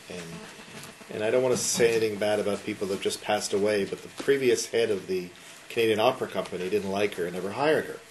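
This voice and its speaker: A man in his sixties talking enthusiastically at a dinner gathering, rambling with many restarts and asides. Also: on the low side. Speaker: concert sponsor and guest speaker. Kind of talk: casual after-dinner talk. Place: wood-panelled dining room with a seated crowd. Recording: noisy room recording.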